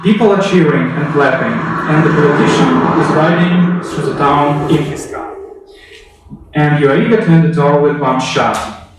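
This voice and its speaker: Over music, a man with a fairly high voice tells a story publicly at a normal pace, pulling listeners into the scene with direct second-person narration and rhetorical questions. He was recorded from a distance in an echoey indoor room, so the sound is heavily reverberant.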